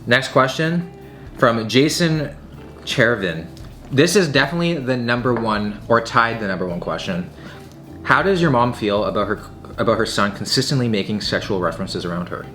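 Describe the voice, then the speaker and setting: Soft music plays behind this young video host as he answers viewer questions in a relaxed Q&A while sampling food. His mid-range, fairly bright voice sounds animated at a moderate pace, full of fillers and emphatic turns of phrase.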